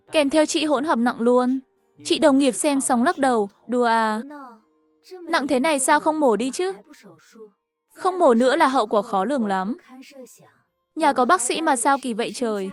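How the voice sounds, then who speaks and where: High-voiced woman narrating a cartoon. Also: animated, moderate pace. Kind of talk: dubbed cartoon story narration. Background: faint music.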